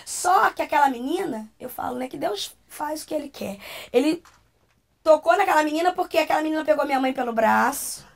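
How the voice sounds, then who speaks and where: A woman's voice: sits high, animated, brisk, vocal fry. A woman with a Brazilian Portuguese accent, a talk show guest, telling a personal testimony with emotion and acting out the voices she quotes.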